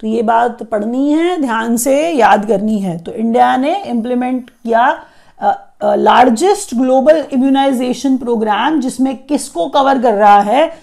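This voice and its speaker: A woman's voice: on the high side, a little slow, gravelly, darkish tone. A woman teaching an exam-prep current affairs lesson, explaining and repeating key facts so students memorize them.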